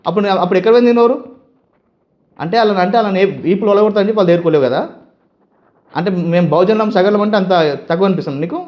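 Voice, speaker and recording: Fast, heated Telangana-accented man. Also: high voice, muffled recording. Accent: Telangana Telugu. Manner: heated, scolding, rhetorical questions. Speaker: youth leader of a community association. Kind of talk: angry political statement to camera.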